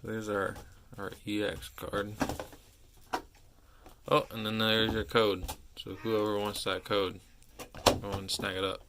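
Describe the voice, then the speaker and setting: A man's voice: lowish voice, level tone, slow, pauses often, very noisy. A man chatting casually to his vlog audience, groggy after dental surgery, his words muffled by a numb, packed mouth. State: groggy after wisdom teeth removal. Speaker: card-collecting video host.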